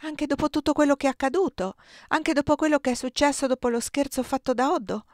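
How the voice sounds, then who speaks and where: A woman's voice: sits high, fast, darkish tone, dry recording, clean studio sound, pitched above the performer's own voice, lightly acted. A woman reading the lines of an anxious young girl in an audiobook. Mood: wondering.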